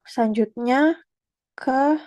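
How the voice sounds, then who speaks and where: A young woman student presenting an anatomy lesson, talking in a halting way with fillers and self-corrections. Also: high-pitched, mellow, highs cut off.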